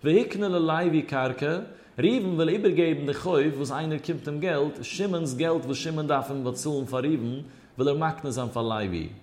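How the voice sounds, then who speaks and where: A man's voice: a little high, normal speed, darkish tone. A man teaching religious law in a traditional study lecture, his voice rising and falling in a chant as he asks and answers his own questions.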